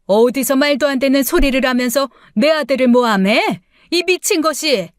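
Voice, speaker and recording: Lady doing an angry mother-in-law, insults flying, highish dry voice. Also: moderate pace, dry recording, natural voice. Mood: furious. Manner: shrill insults.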